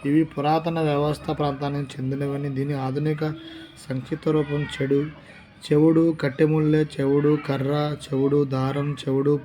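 A man's voice: fairly high pitch, darkish tone, a little hiss or hum. A man reading Telugu dialect study notes aloud for exam preparation, listing word forms one at a time and correcting himself as he goes. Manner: reads lists of word forms one by one with restarts. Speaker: exam prep teacher.

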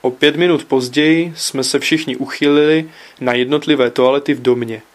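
A man's voice: medium pitch, steady tone. A man reads a humorous newspaper column aloud in a dry, wry storytelling manner. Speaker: narrator, reader.

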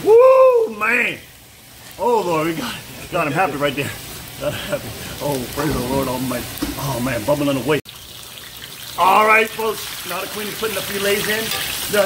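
A man's voice: high voice, noisy background. A man hosting an outdoor cooking vlog, narrating with exuberant whoops and exclamations. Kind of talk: excited outdoor cooking commentary. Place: outdoors by a frying pot.

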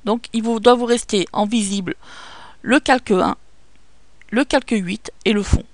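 A woman with a French accent guiding viewers step by step through photo editing software, patient and hesitant, with many fillers. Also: fairly high pitch, normal speed, dry recording. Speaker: software tutorial presenter. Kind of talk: screen-recorded photo editing tutorial.

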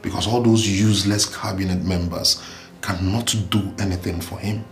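An actor playing an imprisoned prince, earnest and pleading. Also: male voice, sits low, steady tone, moderate pace. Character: jailed young prince, anxious to save his father. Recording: echoey cell with music.

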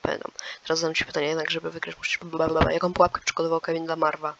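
A man's voice: on the high side, completely flat delivery, rapid-fire, gravelly, dull audio, noisy background. A man hosting his gaming channel, reading quiz questions aloud and musing over the answers in casual commentary.

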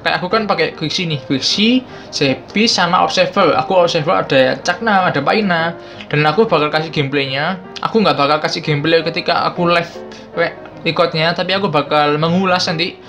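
A man's voice: a little high, a little fast, fairly bright tone. Young man with unclear r and l. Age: 20s. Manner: chatty, informal, addresses viewers as friends. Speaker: gaming YouTuber. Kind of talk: casual explainer to camera. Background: background music.

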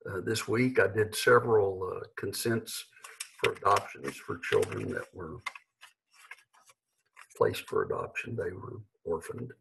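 A man in his sixties, a pastor, delivering an earnest, measured sermon from his living room into a webcam. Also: lowish voice, creaky, a bit bright, slight background noise, low-quality recording. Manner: earnest, measured, with emphatic slowed phrases. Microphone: webcam at desk.

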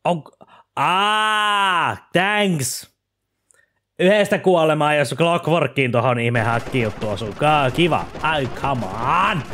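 A young man giving gameplay commentary, excitable, shouting and swearing and mixing in English phrases. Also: a little high, background noise. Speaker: let's play gamer. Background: game music.

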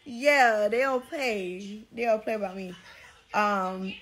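A woman's voice: medium pitch, takes it slowly, a bit bright. A woman, chatting casually to viewers on a phone livestream. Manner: chatty, talks straight to viewers.

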